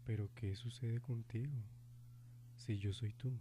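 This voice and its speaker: An actor playing the sinister, taunting ghost of an old man in a radio drama, speaking like a slow theatrical villain. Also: lowish voice, little pitch movement, very noisy, natural voice. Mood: coaxing menace.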